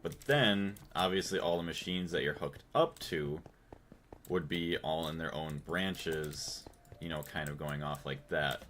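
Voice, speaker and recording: A man's voice: very deep voice, a little slow, fairly bright tone, slight background noise. A man from the United States chatting casually on a gaming livestream, thinking aloud and thanking his chat. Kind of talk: casual live-stream chat while playing.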